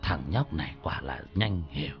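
A man voicing a weary old village elder who speaks softly and slowly, sighing over the past, in a spoken ghost story. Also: extremely low pitch, lively intonation, highs cut off, faint music behind, pitched below the performer's own voice. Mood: sorrowful. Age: older. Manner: soft, slow, sighing.

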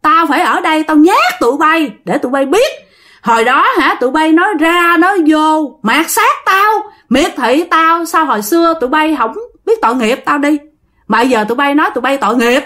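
A woman with a Southern Vietnamese accent voicing a bitter, vengeful female ghost who scolds in a raised, shrill voice. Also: lively intonation, normal speed, sharp tone. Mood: defiant.

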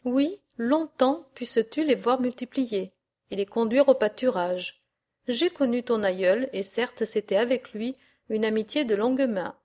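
A woman voicing a kindly old male farmer and father who speaks with solemn warmth, in an audiobook reading. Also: fairly high pitch, measured pace.

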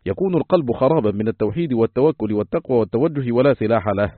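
A man reading a classical text aloud as an audiobook, in a formal, measured recitation style. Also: medium pitch, lively intonation, dry recording. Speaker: audiobook reader. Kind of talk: scripted narration of a classical text. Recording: tinny phone-like, dry, husky.

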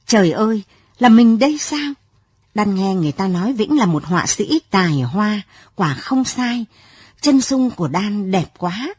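A woman narrating a late-night story in a soft, lyrical, unhurried reading. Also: mid-range voice, slightly rough, dry recording.

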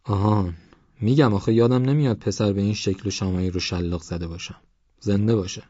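Gruff old village man, as a male narrator puts him on. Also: lowish voice, steady tone, warm tone, no room sound, dull audio, close to an everyday voice. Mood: gruff teasing. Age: over 80. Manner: teasing, blustering threats.

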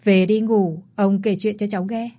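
A woman's voice: medium pitch, fairly even intonation, moderate pace, mellow, lightly acted. A woman voicing a kindly, worried older father and grandfather who pleads with and scolds his son in a storybook reading. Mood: soothing.

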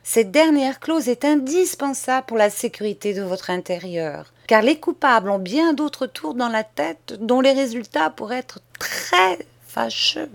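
A woman voicing a calm, defiant young schoolboy who speaks politely but firmly in an audiobook. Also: a little high, unhurried, vocal fry, few pauses, pitched above the performer's own voice. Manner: polite, firm and unyielding. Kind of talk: audiobook character reading.

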